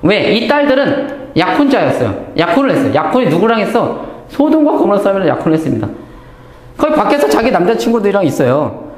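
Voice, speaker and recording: A man's voice: high-pitched, huge pitch swings, fast talker, a little mellow, echoey room. A man giving a Bible study lecture. He asks himself questions and answers them at once, and acts out quoted speech.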